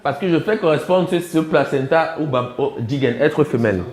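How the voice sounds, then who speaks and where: Guy teaching a class, kinda high voice, keeps asking if everyone gets it. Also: normal speed, crowd noise. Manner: explanatory, quizzes the class often. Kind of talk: classroom lecture on language.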